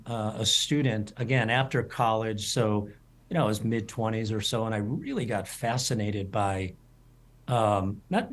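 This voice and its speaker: A man's voice: on the low side, slight background noise. A man in his fifties, a culinary school president, telling stories in an interview with many restarts and fillers. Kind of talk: storytelling interview answers.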